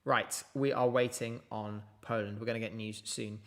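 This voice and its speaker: A man hosting a casual live stream from home, chatting, laughing often and reading out viewer messages. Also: medium pitch. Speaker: livestream host.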